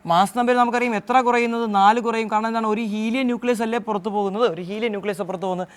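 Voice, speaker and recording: A man's voice: high voice, fairly even intonation, very fast, clean tone. A male tutor from Kerala working through an exam answer key, asking questions and answering them himself, with English terms mixed into his explanation. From Kerala, India.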